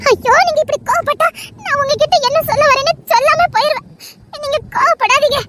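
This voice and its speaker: A woman's voice: fast talker, heavy background noise. A woman voicing a torn young wife who pleads through tears in an audio drama. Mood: anxious. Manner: pleading, tearful and high-pitched. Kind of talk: Tamil audio drama acting.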